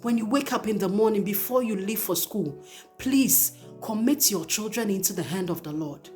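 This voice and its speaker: A woman's voice: medium pitch, expressive, normal speed, a little mellow, soft background music. A woman host earnestly urging parents, emotional and pleading, with emphatic repetition. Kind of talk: spoken exhortation to parents.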